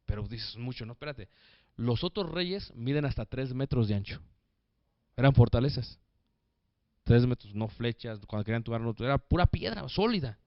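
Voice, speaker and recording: A man preaching a lively sermon, joking with the congregation and calling them brothers. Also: medium pitch, normal speed, no room sound, lo-fi sound.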